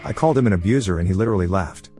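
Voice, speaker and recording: A man narrating forum posts as a story, reading quickly with few pauses. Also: deep voice, lively intonation, over music. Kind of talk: fast scripted story reading.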